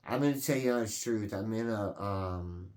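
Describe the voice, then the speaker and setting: Speaking in a fairly low, darkish voice at normal speed, this channel host in his late forties chats casually and earnestly. His vlog talk rambles, full of fillers and false starts.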